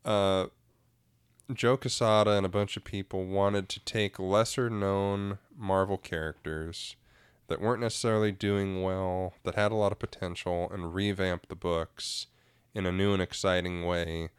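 A man with a very deep, smooth and resonant voice talks casually on a podcast. He explains things in a relaxed, easygoing way and laughs easily. The sound is dry and close. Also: a little slow, dry recording. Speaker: podcast co-host. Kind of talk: casual chat about comics.

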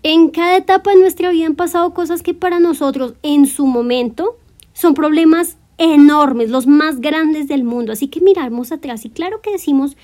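A woman in her twenties hosting a solo podcast, speaking gently and encouragingly straight to her listener in a reflective monologue. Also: high-pitched, moderate pace. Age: 20s. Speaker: podcast host.

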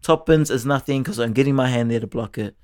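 A man's voice: mid-range voice, quick pace, darkish tone. A young man co-hosting a podcast, chatting casually about sport in a slangy, matey, jokey way. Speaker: podcast co-host.

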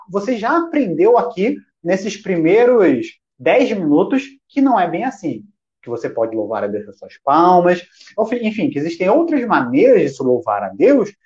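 A man's voice: high-pitched, big pitch swings, moderate pace, a little mellow, highs cut off. A man teaching worship music on a live stream. He talks straight to his viewers and asks himself questions, then answers them. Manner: talks directly to chat viewers.

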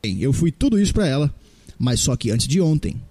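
A man in his forties reads a listener's story aloud in a plain, matter-of-fact way. His voice is mellow and dark, and the recording is dry, with no room sound. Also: mid-range voice, sing-song, a little fast, slightly rough, no room sound. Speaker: podcast host.

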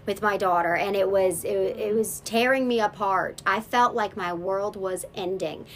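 A woman sharing a heartfelt faith testimony as a guest, halting and restarting as she speaks. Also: medium pitch, slight background noise. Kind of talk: emotional personal testimony.

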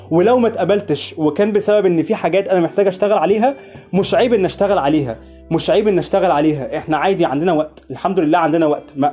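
A man's voice: sits high, warm tone, husky. A young man with an Egyptian Arabic accent, hosting a motivational podcast in an earnest way and repeating phrases for emphasis. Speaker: podcast host.

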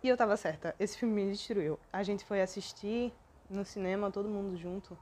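A woman's voice: mid-range voice, moderate pace, a little mellow, a little hiss or hum. Rambling, emotional young Brazilian woman. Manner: rambling, self-deprecating and emotional. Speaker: podcast host. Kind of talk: personal monologue podcast.

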